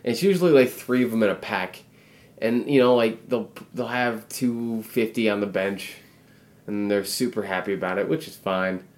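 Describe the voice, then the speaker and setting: A man's voice: fairly low pitch, moderate pace. A man co-hosting a podcast in casual chat, ranting and swearing with mock anger. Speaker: podcast co-host.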